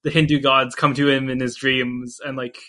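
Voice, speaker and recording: A man's voice: mid-range voice, level tone, moderate pace, sharp tone. A man hosting a casual chat, laughing often and restarting his sentences.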